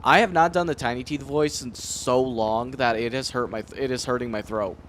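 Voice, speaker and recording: In casual live-stream chatter, a young man curses and mumbles to himself while getting a task done. His mid-range voice is a bit bright, his pace is moderate, and a little hiss or hum runs under the audio.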